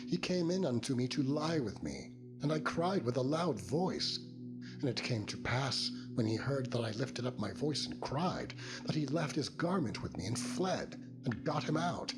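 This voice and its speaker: A man's voice: medium pitch, lively intonation, normal speed, pitched above the performer's own voice, lightly acted. A man voicing a scheming spurned wife, insistent and declamatory, in a dramatized scripture reading over music. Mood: indignant accusing. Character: scheming spurned master's wife, loudly accusing and indignant. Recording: loud meditation music under voice.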